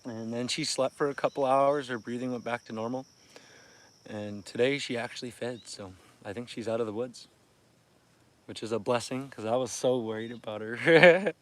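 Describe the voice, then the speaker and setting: This mid-range male voice moves at a moderate pace. He's a Canadian fishing streamer in his 30s, tired after barely sleeping, chatting quietly and laughing frequently with his viewers over a phone livestream from a lakeside campsite at dawn.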